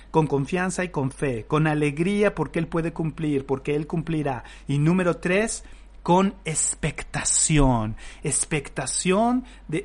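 A pastor with a Mexican Spanish accent leads a live-streamed Bible lesson. He speaks slowly in a fairly high voice, reads scripture aloud and stops often to exclaim praise. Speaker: pastor teaching a Bible class.

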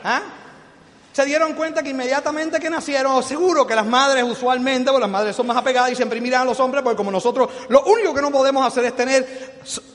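A middle-aged man from Puerto Rico with a Puerto Rican Spanish accent, giving a motivational business speech to a live audience. He is animated and joking, acts out quoted voices, and asks the audience questions. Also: very high voice, brisk. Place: large hall before an audience. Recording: long hall reverb.

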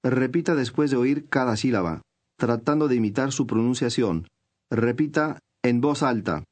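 Brief: male course narrator, patient scripted teacher delivery, mid pitch. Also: lively intonation, moderate pace, darkish tone. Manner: clear, patient teacher's instructions.

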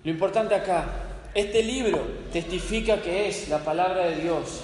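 A man preaching a sermon, telling stories dramatically and slowing down with weighty pauses for emphasis. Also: high voice, a little mellow. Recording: echoey hall with faint noise.

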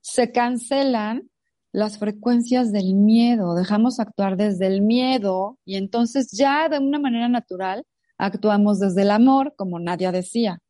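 A middle-aged woman, chatting casually as a co-host and telling an animated story, acting out the voices in it. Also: mid-range voice, measured pace, no echo, studio quality. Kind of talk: casual chat.

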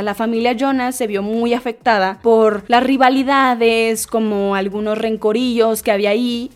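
A young woman in her twenties with a Mexican accent, hosting a vlog in a casual, slangy, animated storytelling style. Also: on the high side. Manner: animated, slangy, acts out quotes in other voices. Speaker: vlogger host. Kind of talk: casual storytelling and chatty entertainment news.

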